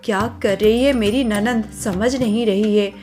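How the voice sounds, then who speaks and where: A woman's voice: medium pitch, steady tone, unhurried, darkish tone, soft background music, close to an everyday voice. A woman voicing a sensible elder sister-in-law who frets and scolds, in a cartoon story. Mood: worried. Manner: scolding, fretful.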